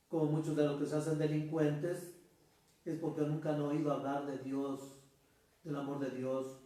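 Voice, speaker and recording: A man's voice: a little high, a little mellow. A man preaching a sermon as a priest, telling a story and calling his listeners brothers. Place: church. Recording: echoey church from far off.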